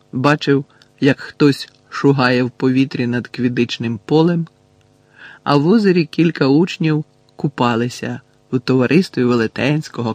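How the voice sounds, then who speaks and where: A man narrating an audiobook in a measured way, slowing down on dramatic lines. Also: medium pitch, darkish tone, no echo.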